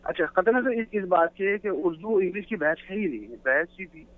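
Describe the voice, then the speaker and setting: A man calls in to a talk show over a thin, tinny phone line. His voice sits a little high, and he explains his points earnestly, like a lecturer. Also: expressive. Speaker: guest caller. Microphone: telephone.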